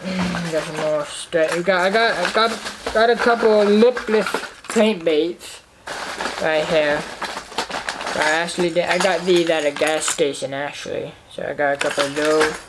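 A young man casually showing off fishing tackle he bought, talking in a halting, rambling way with lots of fillers, recorded at home in his living room. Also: on the high side, very noisy. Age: young adult. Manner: rambling, halting, repeats himself with many fillers. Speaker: fishing vlogger. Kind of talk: casual tackle haul show-and-tell.

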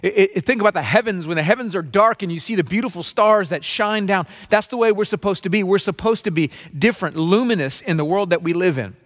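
A man in his forties preaching a sermon from a stage, earnest and conversational, often restarting phrases and mimicking a low grumble. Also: fast talker, hardly any pauses, fairly bright tone. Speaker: pastor. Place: dim stage with spotlights, seated at small table.

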